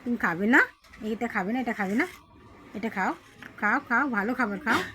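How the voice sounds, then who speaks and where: A woman's voice: on the high side, normal speed, bright, forceful tone, slight background noise, low-quality recording. A woman vlogger coaxing a pet to eat in cooing, singsong baby talk, with lots of endearing repetition.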